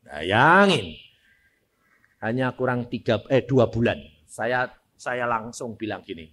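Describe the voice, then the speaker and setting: A man's voice: medium pitch, slow pace. A middle-aged man preaching a sermon in with a tinge. He tells personal stories bluntly and addresses the congregation directly. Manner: blunt, animated storytelling, speaks directly to the congregation.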